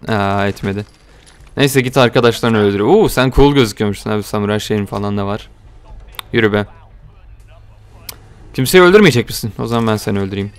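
Young male gaming host, casual and jokey, with a clear, smooth voice. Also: mid-range voice. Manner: joking, excitable, calls viewers "abi". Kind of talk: casual gameplay commentary.

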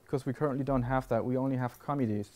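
His medium-pitched voice is fairly even and darkish, and he speaks rapid-fire. The man is a panelist at a conference, answering the audience's questions in a classroom lecture hall, thoughtful but full of restarts and fillers.

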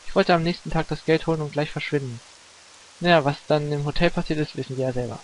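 A man's voice: on the high side, fast, background noise, natural voice. A man voicing a weary middle-aged male hitman in his own plain voice, reading game dialogue with restarts. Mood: weary, earnest.

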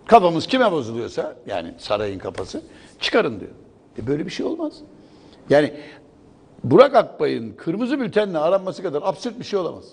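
A man's voice: fairly high pitch, huge pitch swings, a little fast, gravelly, a little mellow, breathy edge. A man giving sarcastic morning news commentary in a TV studio. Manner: sarcastic, mocking.

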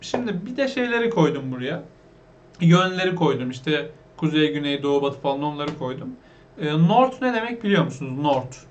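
A man's voice: a little high, very animated, normal speed, slight background noise. A man teaching an online English lesson, patiently repeating words and asking his viewers questions.

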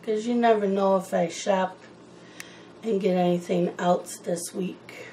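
A woman's voice: mid-range voice, fairly even intonation, unhurried, mellow, a little hiss or hum, low-quality recording. A woman chatting in a rambling, casual way while she colors, wandering from one topic to the next. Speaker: coloring channel host.

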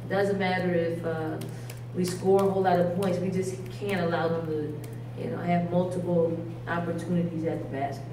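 Casting: woman coach at a press table, fairly low voice, measured and halting, roomy distant sound. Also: little pitch movement. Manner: measured, frequent ums and restarts. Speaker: head basketball coach. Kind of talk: post-game press conference answers. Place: press conference room. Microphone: table mic from a distance. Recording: echoey room, distant mic, hiss.

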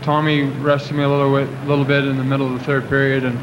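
A man's voice: mid-range voice, completely flat delivery, quick pace. A young man in his twenties answering questions after a game. He rambles, with many fillers and restarts. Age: 20s. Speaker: athlete at a post-game press conference. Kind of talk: post-game press conference answers. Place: press conference room. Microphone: table microphones at the podium. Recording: noisy old video recording.

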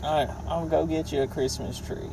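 Very low-voiced, reassuring woman. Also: fairly even intonation, fairly quick, vocal fry. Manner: reassuring, patient. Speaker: caretaker. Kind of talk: casual chat. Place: inside a car. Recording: car cabin with some noise.

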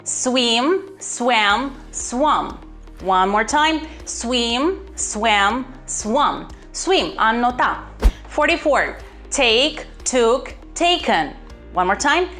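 Woman, online English teacher, bright and higher-pitched, encouraging, clear drilling, light music behind. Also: animated. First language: Romanian. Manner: upbeat, encouraging, repeats words slowly and clearly. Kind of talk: online language lesson.

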